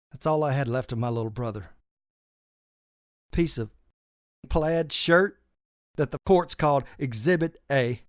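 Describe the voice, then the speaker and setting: A man's voice: mid-range voice, no room sound, studio quality. A man reading a scripted first-person horror story in an intense, confessional way, swearing often.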